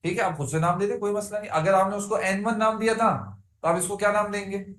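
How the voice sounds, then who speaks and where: Male teacher a high voice and tinged speech, drills a class repeated questions; roomy sound. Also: fairly even intonation, a little fast, a bit bright. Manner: asks students repeated questions, chants word forms. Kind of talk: classroom grammar lesson.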